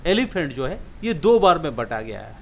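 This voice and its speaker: Lively-voiced man teaching a lesson. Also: fairly high pitch, creaky, a little hiss or hum. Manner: repeats example words slowly, checks understanding with questions. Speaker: English teacher. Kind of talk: classroom-style lesson explaining syllables.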